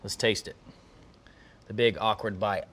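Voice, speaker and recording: A man's voice: on the low side, fairly even intonation, measured pace, fairly bright tone, breathy edge. A man hosting a cooking video, talking casually and enthusiastically to the viewers in a folksy way. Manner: folksy, enthusiastic, talks to camera. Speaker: cooking channel host.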